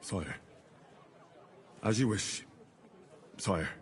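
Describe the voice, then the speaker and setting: A man's voice: sits low, lively intonation, drawn-out words, heavily acted. Young male servant, game drama. Eager, deferential, nervous.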